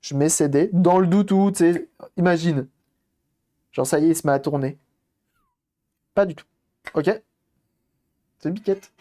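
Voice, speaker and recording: A man's voice: fairly high pitch, unhurried, long pauses, dark tone. A man casually commenting on a live stream while repairing a game console, thinking aloud and greeting viewers as they arrive.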